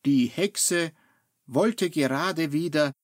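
Calm male narrator for a children's audiobook, extremely slow and dry, close sound. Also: on the high side, no echo. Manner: calm, very unhurried storytelling. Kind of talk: children's storybook reading.

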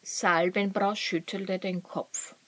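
A woman narrating a children's story in a calm, even storytelling manner. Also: mid-range voice, slow, no echo.

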